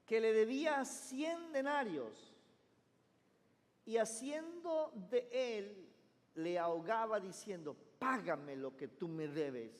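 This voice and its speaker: A man preaching a sermon, calling on the congregation to repeat words after him, swinging between loud emphatic declarations and low asides. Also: sing-song, slow. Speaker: pastor. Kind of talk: sermon with call-and-response reading. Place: church sanctuary. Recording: church hall with long reverb.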